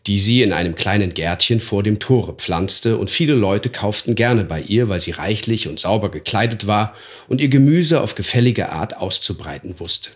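A man's voice: lowish voice, normal speed. Man reading a fairy tale expressively. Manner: expressive, theatrical narration. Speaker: actor reading aloud.

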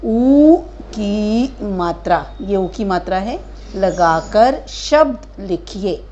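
A woman teaching a kindergarten Hindi lesson, stretching out each word slowly and asking gentle questions of young children. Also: mid-range voice, expressive, highs cut off, slight background noise. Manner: slow drawn-out syllables modelling words for children; patient questioning, addresses children as beta.

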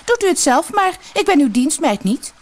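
A woman's voice: very high voice, sing-song, normal speed, pitched above the performer's own voice. A woman voicing a rude, lazy older sister, a spoiled young girl who snaps and sulks. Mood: snappy. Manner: snappy, sulky, rude.

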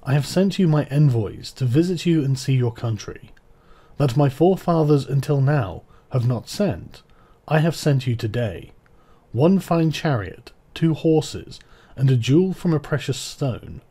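A man giving a scripted recitation of historical letters, with a measured, formal delivery in short phrases. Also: medium pitch, animated, mellow, breathy edge. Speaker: reader of ancient texts.

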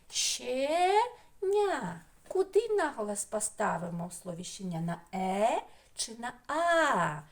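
Woman teacher with a lively, sing-song voice. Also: medium pitch. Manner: sounds each syllable out slowly and clearly, coaxing. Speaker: children's teacher. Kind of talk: remote speech lesson for young children.

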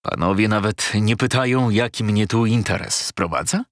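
A man's voice: fairly low pitch, normal speed, no room sound, clean studio sound, close to an everyday voice. A man putting on a sly, fawning shabby lawyer. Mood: wheedling. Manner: wheedling, sugary, pushy. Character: shabby fawning male lawyer, middle-aged, sly haggler.

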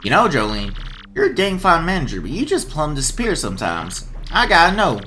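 A folksy, boisterous fight promoter hollers in a thick Southern drawl, as a man puts him on. The voice sits high and bounces all over. He sounds like a scheming video-game boss. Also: wildly swooping pitch, brisk, bright, forceful tone, faint music behind, exaggerated voice. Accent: put-on Southern US drawl. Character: loud folksy male fight promoter, middle-aged.

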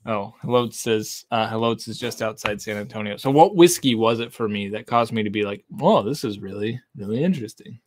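The recording is dry and studio-quality as this Texas man in his thirties, host of a whiskey channel, talks a little fast with few pauses. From a home bar with lit shelves of bottles, he chats casually on a livestream into a desk condenser mic, reading viewer comments, his voice on the low side.

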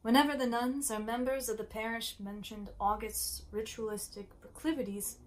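A woman reads a novel aloud at a steady, unhurried pace. She stumbles on a word now and then and restarts it. She sometimes steps out of the text for a quick aside to the listener. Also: a little high, a little hiss or hum, low-quality recording. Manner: occasional slips and restarts, brief asides. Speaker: reader.

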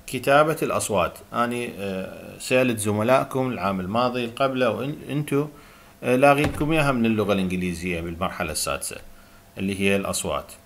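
In a recorded university lecture, a man with an Iraqi Arabic accent and a fairly low, creaky voice reads English terms slowly and explains them. He uses many hesitant filler sounds, and a little hiss or hum is audible.

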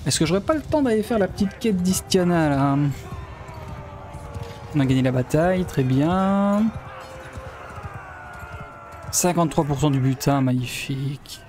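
A man's voice: on the high side, animated, measured pace, long pauses, a little mellow, a little hiss or hum. A man from Belgium giving live commentary on his strategy game, thinking aloud and often trailing off mid-sentence. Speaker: let's play gamer.

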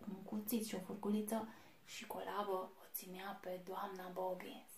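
A woman reading a picture book aloud to children, expressive and speaking directly to her young listeners. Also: mid-range voice. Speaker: children's story reader. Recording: echoey room, faint noise.

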